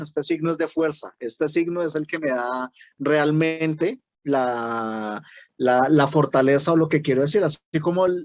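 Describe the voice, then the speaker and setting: A man with a Bogotá Colombian accent leads an online writing workshop, walking through the material step by step, frequently asking "¿sí?" and restarting his sentences. His voice is a little high and slightly mellow. The audio is lo-fi, with no room sound.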